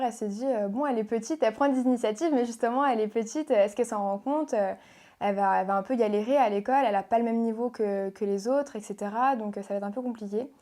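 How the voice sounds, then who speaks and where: A young woman from Portugal, a pageant contestant answering interview questions in a soft, hesitant way with many pauses and fillers. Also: medium pitch. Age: young adult. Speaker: guest, beauty pageant contestant.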